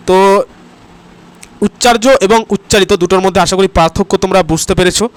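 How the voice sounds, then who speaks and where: A man from West Bengal teaching grammar in an online exam-prep class, talking straight to his students and checking "okay?" after each answer. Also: high-pitched. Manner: repeats "ঠিক আছে?" and "next question" as checks and cues; talks straight to the students, urging comments and likes.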